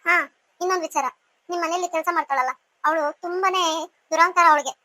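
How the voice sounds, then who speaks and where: A woman's voice: very high-pitched, fast, pushed and bright, no room sound. A woman voicing a rude, scheming young woman in a cartoon serial, speaking in a haughty, mocking way.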